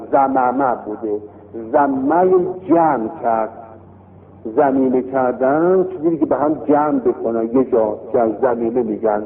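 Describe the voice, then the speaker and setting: Gravelly male teacher, tinny and echoey. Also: mid-range voice. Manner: lively, explanatory, repeats key terms with rising emphasis. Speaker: Arabic grammar teacher. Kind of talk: classroom lesson on Arabic vowels. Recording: lo-fi phone-like recording in a reverberant hall with faint noise.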